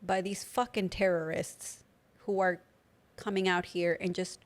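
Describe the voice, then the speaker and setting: A woman's voice: on the low side, level tone, a little slow. A young woman co-hosting a podcast in casual chat, talking with a slight lisp from new dental aligners and lots of filler words. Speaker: podcast co-host.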